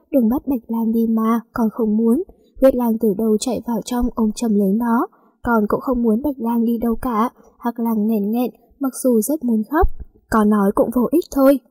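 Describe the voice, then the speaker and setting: Người phụ nữ đọc truyện giọng trầm ấm, khàn nhẹ. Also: female voice, on the high side, dark tone, slightly rough, dry recording, low-quality recording. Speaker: audiobook narrator. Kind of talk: scripted story narration.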